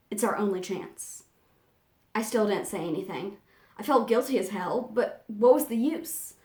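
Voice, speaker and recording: A woman reader plays an anxious young woman with memory gaps who confesses urgently in a dramatic first-person monologue, conversational yet theatrical and lightly acted. Her voice sits a little high, and the room echoes clearly around it.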